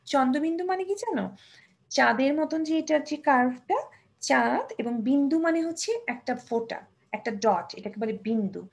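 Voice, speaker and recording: A young woman teaching Bangla letters to a child, patiently sounding out words slowly and mixing in English terms. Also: high-pitched, lively intonation, gravelly. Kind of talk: children's language lesson.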